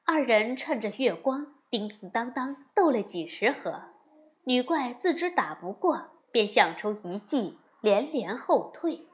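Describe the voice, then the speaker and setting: A woman telling a classic story to young listeners in an expressive narration. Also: fairly high pitch. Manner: slow, expressive, lively storytelling.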